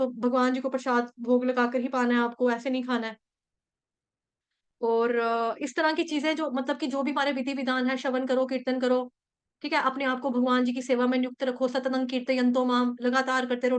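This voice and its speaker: Woman, high voice, devotional teacher, explanatory, verse chanting. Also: level tone, normal speed, smooth. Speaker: scripture class teacher. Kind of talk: devotional scripture class.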